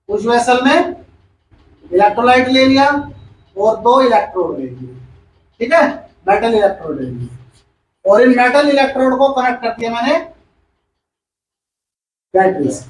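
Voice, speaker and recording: A man's voice: very high voice, slight background noise. A male chemistry teacher gives a classroom lecture. He repeats each point and quizzes the class as he goes. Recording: echoey room, far from the mic.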